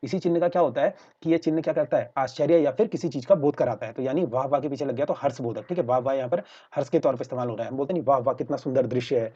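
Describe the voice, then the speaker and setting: A man's voice: mid-range voice, very fast, few pauses, dark tone, breathy edge, lo-fi sound. A man teaching an online exam-prep lesson, explaining step by step and checking in with his students again and again. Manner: explains repetitively, checks in with "theek hai" often.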